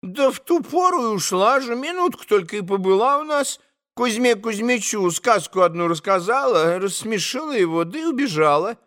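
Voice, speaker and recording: A man's voice: big pitch swings, normal speed, fairly bright tone. A man reading an audiobook voices an older woman servant, a fussy, startled old crone who scolds and then chatters in folksy speech. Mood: chatty. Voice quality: high, thin put-on crone voice.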